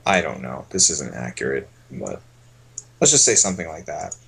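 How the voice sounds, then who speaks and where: A man coaching poker on a casual stream, thinking aloud in a relaxed way as he explains each hand. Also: rumbling low, normal speed, creaky, breathy edge.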